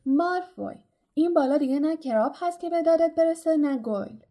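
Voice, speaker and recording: A woman doing a defiant young schoolboy wizard. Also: a little high. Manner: forceful, shouting. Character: brave, hot-tempered young schoolboy wizard.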